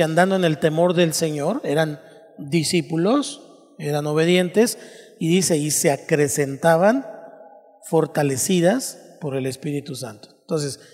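A man's voice: fairly high pitch, darkish tone, in a large hall. A male pastor teaching a sermon, explaining step by step and asking his listeners rhetorical questions.

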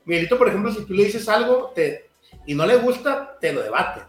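A man's voice: high voice, brisk, reverberant. A man, co-hosting a casual podcast as a father. He tells stories with lots of cursing and mimics other people's voices. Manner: profane, animated storytelling, mimics voices.

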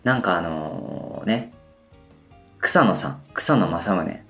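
A man in his twenties, a band member, rambling through a solo radio talk full of hesitant fillers while deliberately pushing his voice higher than usual. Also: expressive, a bit bright, soft background music. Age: 20s. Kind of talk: casual solo radio monologue.

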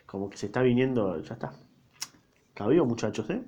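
A man with a Rioplatense Spanish accent reads a book aloud, cutting in with informal, slangy asides. His medium-pitched voice is expressive, brisk, mellow and slightly rough, captured in a slightly dull lo-fi recording.

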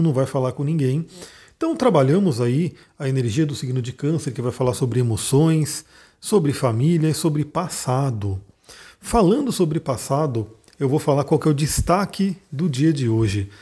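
A man with a Brazilian accent and a tired, hoarse voice casually explains the day's astrology as host, often adding little tag questions. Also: on the high side, dark tone. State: hoarse, voice worn out from talking all day. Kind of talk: casual spoken daily astrology reflection.

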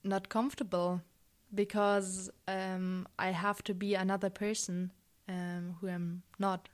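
In a casual interview, a young woman from Germany speaks English as a second language, replying hesitantly with lots of fillers. She is the guest, and her medium-pitched voice stays level at a measured pace.

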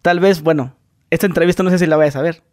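A man's voice: fairly high pitch, steady tone, fast, darkish tone, dry recording, studio quality. A man with a Mexican accent interviewing a guest in a playful, slangy, laughing way. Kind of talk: casual interview chat.

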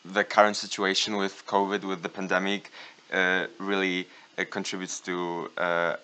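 A man's voice: deep voice, completely flat delivery, normal speed, sharp tone, a little hiss or hum. A young man with a Polish accent speaks as co-host in a casual podcast discussion. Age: young adult.

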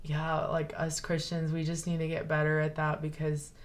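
A woman's voice: sits low, completely flat delivery, moderate pace. A young woman, talking earnestly and rambling with many fillers and restarts in a casual chat. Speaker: guest sharing her story.

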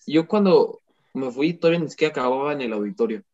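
A man's voice: mid-range voice, expressive, quick pace, a little mellow. Young guy musing about school, mid voice, slightly dull sound. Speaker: former classmate. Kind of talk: casual chat.

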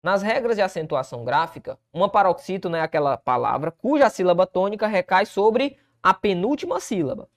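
A Brazilian man teaching Portuguese for an exam, working through test questions and answering his own rhetorical questions. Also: a little high. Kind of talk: exam-prep lesson walking through questions.

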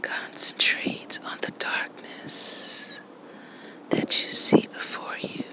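A woman hosting a guided relaxation session in a slow, soft whisper, counting breaths and movements. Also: rough recording. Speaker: relaxation host.

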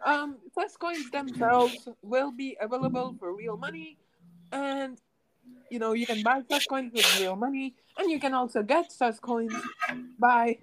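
A woman's voice: high voice, a little slow, a loud crowd, rough recording. A nineteen-year-old woman chatting casually to her viewers, rambling with lots of ums and restarts. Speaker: gaming channel host.

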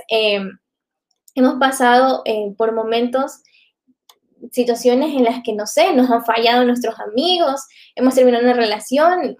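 A woman's voice: high-pitched, a little mellow. A woman giving a reflective live faith talk to viewers, often tagging her sentences with "¿no?". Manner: reflective, many filler tags like "¿no?".

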